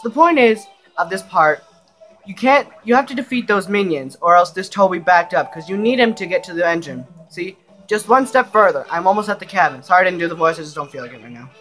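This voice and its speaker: A man's voice: high-pitched, animated, quick pace, fairly bright tone. A young man giving casual, rambling commentary while playing a video game. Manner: rambling, offhand asides. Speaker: gameplay video creator. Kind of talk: casual let's-play commentary. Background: faint game music.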